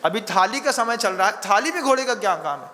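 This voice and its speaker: A man's voice: high voice, animated, brisk, bright, forceful tone. A man preaching acts out a puzzled king scolding his soldier at mealtime, in a hall with long reverb. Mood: puzzled annoyance. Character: annoyed king at his meal.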